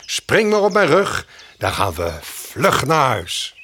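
A cheerful, clever male mockingbird in a children's audio story, played by a man, chirpy and cheeky with a raised, bright lilt. He sounds quick-witted and friendly, his pitch hopping around playfully. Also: wildly swooping pitch, music in the background, exaggerated voice.

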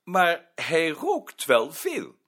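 A man's voice: on the high side, wildly swooping pitch, very slow, a bit bright, full character voice. An actor playing a prim male office director who talks hesitantly, stammering now and then. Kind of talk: drama acting.

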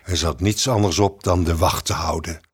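A man narrating a children's story in an expressive, storytelling manner. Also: deep voice, normal speed, husky. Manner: lively, expressive. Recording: music bed under the voice.

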